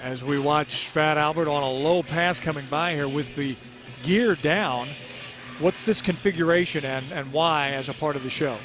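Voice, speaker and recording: A man's voice: on the high side, normal speed, music in the background. A man hosting a live television broadcast, giving air show commentary and putting questions to a guest. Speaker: television host.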